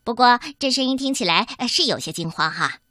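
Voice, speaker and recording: A bouncy piglet boy with a high, bright, chirpy voice, as a woman puts him on. He is endlessly curious and nosy, firing off eager little questions like a storybook hero. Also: expressive, a little fast, no room sound, clean studio sound.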